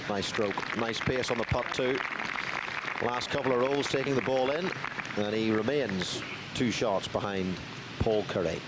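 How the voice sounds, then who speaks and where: A man giving measured live television golf commentary, with dry, wry asides. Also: medium pitch, very noisy.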